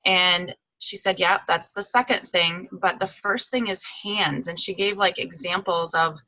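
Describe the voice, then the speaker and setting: A woman's voice: on the low side, measured pace, bright, forceful tone, no room sound, poor audio. A woman giving a chatty, casual recap on a video call, with plenty of "um" and "like" fillers. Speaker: guest speaker. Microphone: video call microphone.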